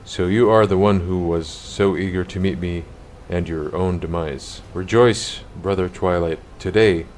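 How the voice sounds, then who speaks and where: Guy reading as a mean boastful chaos sorcerer, deep voice, loud and grand. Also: steady tone, unhurried, hardly any pauses, slight background noise, poor audio. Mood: menacing. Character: cruel male chaos sorcerer, dark apostle, menacing and boastful.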